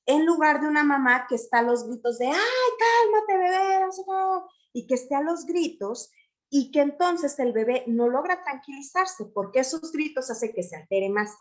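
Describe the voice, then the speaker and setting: A woman giving an explanatory lecture to teachers, often checking in with her listeners. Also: a little high.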